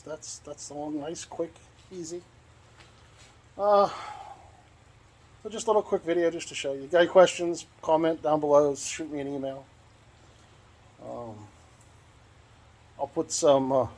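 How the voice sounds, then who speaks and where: With a fairly high, slightly mellow voice, an American man talks at normal speed but leaves long pauses. He gives a folksy, unscripted walkthrough of his truck radio install, rambling and repeating himself. The handheld video is shot outdoors around a parked truck, with clear background noise.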